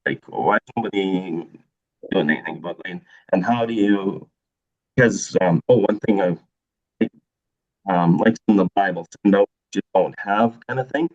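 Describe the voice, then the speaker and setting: Calling in over a muffled, lo-fi line that keeps cutting out, a man asks a guest a casual question at a moderate pace. His voice sits low with a slightly mellow quality, and he hesitates often, with plenty of ums and likes.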